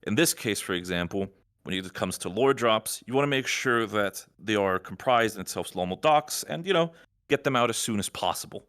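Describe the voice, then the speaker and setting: A man's voice: fairly low pitch, expressive, brisk, a bit bright, clean tone. A man on the project's admin team giving a podcast status update, rambling and reassuring as he explains plans.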